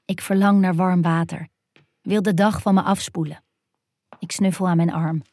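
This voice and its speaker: A woman narrating a first-person erotic story in an intimate, hushed and dreamy way. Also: lowish voice, fairly even intonation, moderate pace, dry recording.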